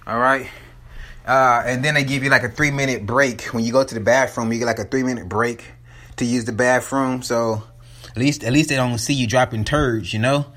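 Phone held in hand and a bit out of breath on the stairs of his townhome, a man chats casually and profanely in a movie review vlog, frequently restarting sentences. He has a mid-range, steady, slightly bright voice at a moderate pace.

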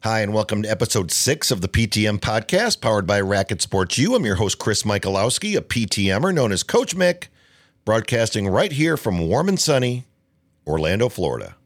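A middle-aged man hosting a podcast, telling stories in a relaxed, joking way with plenty of fillers. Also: on the low side, normal speed, dry recording, faint music behind. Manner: chatty, jokey storytelling with fillers. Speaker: podcast host. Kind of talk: casual podcast monologue.

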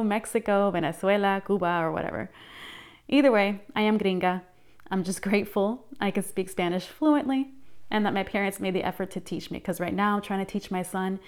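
A woman's voice: medium pitch, clear, resonant tone. A woman in her thirties hosting her own podcast, telling her life story in an upbeat, scripted narration. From United States. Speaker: podcast host.

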